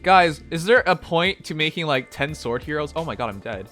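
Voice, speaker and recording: With a fairly high, pushed, bright voice, a man hosts a livestream at normal speed, sounding animated as faint music plays. He's from Canada, speaks English as a second language with a slight Chinese accent, and reads chat messages in a blunt, profane, rambling way.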